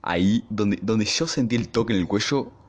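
A young man with an Argentine accent, hosting his podcast and telling a school story in a casual, slangy, animated way. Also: on the low side, normal speed, slight background noise. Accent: Argentine Spanish. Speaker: podcast host.

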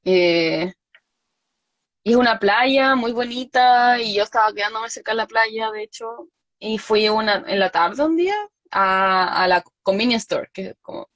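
A woman's voice: on the high side, measured pace, no room sound. A young Chilean woman chatting casually, telling a story with laughs and acted-out quotes. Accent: Chilean Spanish. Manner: animated, laughs often, acts out quoted lines.

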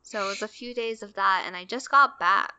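A woman's voice: mid-range voice, brisk, sharp tone, clean tone. A young adult woman co-hosting a podcast, telling a story in casual chat and acting out what people said. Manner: chatty storytelling, acts out quoted lines. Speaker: podcast co-host.

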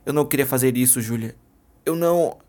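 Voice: mid-range voice, brisk, darkish tone, close to an everyday voice. A storyteller playing a shaken young man who killed, stammering out pleading excuses. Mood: panicked.

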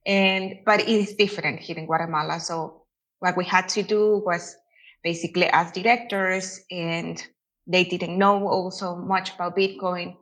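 A woman's voice: on the low side, steady tone, normal speed, fairly bright tone. A woman from El Salvador, a guest in a casual interview, chatting with many "you know" fillers.

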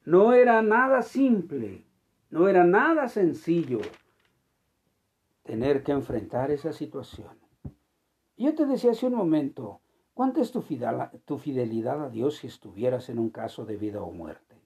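A preacher delivers a sermon in a dark, gravelly voice. The pitch leaps and falls with great animation, swinging between loud emphatic bursts and quiet asides. Phrases are often repeated and restarted. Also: big pitch swings, moderate pace.

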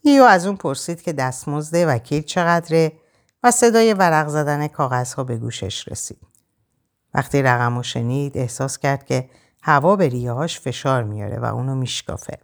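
Low-voiced woman reading an audiobook. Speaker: audiobook narrator. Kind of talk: audiobook narration.

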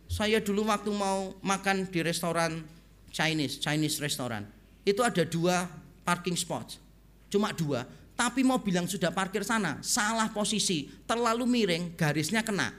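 High-voiced preacher. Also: male voice, moderate pace. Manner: animated storyteller, keeps addressing the congregation directly. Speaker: pastor. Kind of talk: sermon storytelling.

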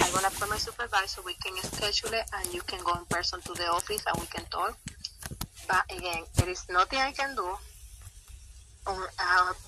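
A woman case worker speaking on a phone call, halting and repeating herself. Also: mid-range voice, background noise. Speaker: child welfare case worker. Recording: tinny phone line.

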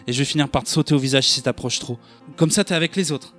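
A man playing a bitter, self-loathing young street thug in a dramatic monologue, ranting in rough slang, with faint music underneath. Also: mid-range voice, fast talker, fairly bright tone, lightly acted. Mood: angry.

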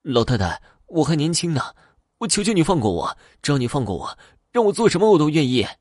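A man playing a frightened young man who pleads his innocence in a raised, rushed voice. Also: mid-range voice, very animated, dry recording, clean studio sound, pitched above the performer's own voice. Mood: begging.

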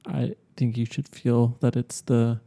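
Male podcast co-host, very soft-edged and mellow with heavy fry, loose, hesitant conversational delivery. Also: mid-range voice, little pitch movement, measured pace. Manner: rambling, hesitant, speculative. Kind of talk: casual chat.

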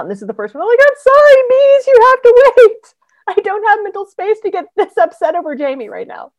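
A woman author chatting as a guest on a podcast interview, telling stories in an animated way with frequent ums. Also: fairly low pitch, no room sound. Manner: animated storyteller, quick asides, frequent ums. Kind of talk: casual interview chat.

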